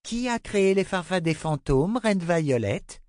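A man's voice: high voice, expressive, a little slow, a little mellow, dry recording, studio quality, voice pushed up. A man doing a small, timid but brave girl. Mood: cold, firm. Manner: timid, then coldly firm. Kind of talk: audiobook character reading.

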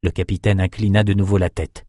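Low-voiced male fantasy narrator. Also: level tone, brisk, dark tone, dry recording, studio quality. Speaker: audiobook narrator.

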